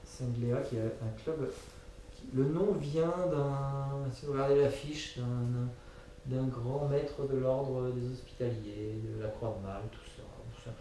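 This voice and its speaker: Casual male co-host, dark mellow tone, jokey mock-commentator delivery, echoey room with a distant mic. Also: medium pitch, a little slow, slight background noise. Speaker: co-host of a fantasy football draw. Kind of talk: casual banter.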